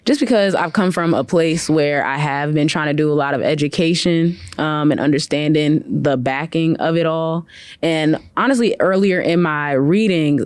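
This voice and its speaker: A woman's voice: low-pitched, darkish tone, no echo. A young woman from Cleveland talks as an interview guest, chatty and loose, with lots of "like" fillers. Her voice sounds dry and close to the mic, with no room around it. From from Cleveland, Ohio. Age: young adult. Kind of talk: casual interview conversation.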